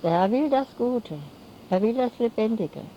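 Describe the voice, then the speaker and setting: An older woman preaching a solemn sermon to a congregation, speaking slowly and weaving rhymes into her phrases. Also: on the high side, expressive. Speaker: lay preacher. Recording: dull lo-fi recording with faint noise.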